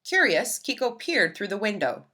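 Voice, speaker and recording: A children's picture book is read aloud by a woman in an expressive storytelling manner, her mid-range voice moving at normal speed.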